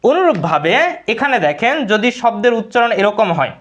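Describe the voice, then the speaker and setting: A man's voice: sits high, sing-song, fairly quick, highs cut off. A man with a Bangladeshi Bengali accent teaching English grammar in a live online class, repeating words and answering his own questions.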